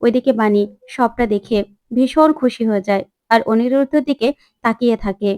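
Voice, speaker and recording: A woman's voice: fairly high pitch, a little fast, a little mellow, smooth, no room sound, clean studio sound. A woman retelling a TV serial episode as a story, reading every character's lines herself. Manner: reads all characters' lines herself, voices slightly shifted. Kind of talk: storytelling recap with acted dialogue.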